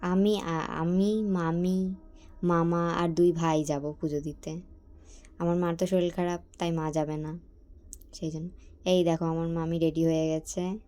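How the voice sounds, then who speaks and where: A woman's voice: lowish voice, level tone, unhurried, pauses often, dark tone, clean tone. A young woman, chatting casually to her viewers in a family vlog. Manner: chatty, talks straight to viewers. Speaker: vlogger.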